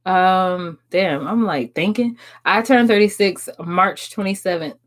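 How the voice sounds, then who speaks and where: Talking at a measured pace in a fairly low voice, a livestream host in her 30s answers her viewers. Her chat is frank and casual, full of swearing and frequent laughter.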